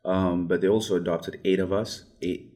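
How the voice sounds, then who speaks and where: A young man from Ethiopia, first language Amharic, with a very low, deep voice. He talks haltingly, with frequent restarts and fillers. It is a relaxed interview conversation. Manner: hesitant, many restarts and fillers. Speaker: guest.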